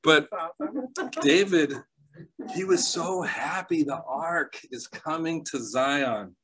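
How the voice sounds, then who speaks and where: A man preaching a sermon, telling stories with bursts of excitement, laughter and quieter asides. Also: on the high side, slow pace, crowd noise, low-quality recording. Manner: animated storyteller, laughs often, jumps between loud excitement and quiet asides.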